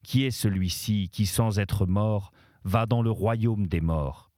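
A man's voice: on the low side, takes it slowly, dark tone, no room sound, studio quality. A man reading as angry gatekeeping demons. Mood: hostile. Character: crowd of angry male demons at a gate. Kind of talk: audiobook-style literary reading.

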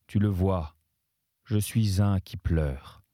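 Weeping damned man, read by a man: low, dark, mournful. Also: takes it slowly, dry recording, clean studio sound. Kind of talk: audiobook-style literary reading.

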